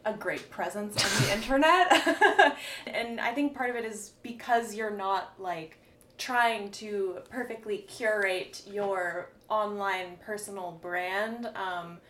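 Slow and mid-range, a woman's voice carries a relaxed podcast conversation, thoughtful and full of "um"s and gentle laughter. She's heard from a distance in a roomy space, with faint background noise on the mic.

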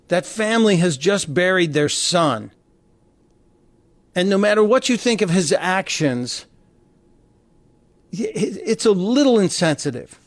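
Male talk radio host, slightly high voice, dry close studio mic, indignant and sarcastic monologue. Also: dry recording. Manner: conversational, indignant, sarcastic asides. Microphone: studio microphone.

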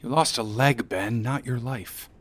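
A man's voice: medium pitch, unhurried, a bit bright, husky. An actor playing a concerned, probing male friend in a radio drama.

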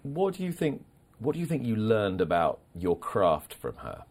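A man interviewing a horse trainer, asking articulate, flattering questions. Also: on the low side, normal speed.

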